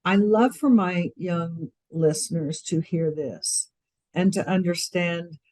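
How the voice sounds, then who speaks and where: A woman hosting a podcast interview, reacting quickly and speaking with emphasis. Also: lowish voice, darkish tone, no echo. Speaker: podcast host. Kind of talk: casual interview conversation.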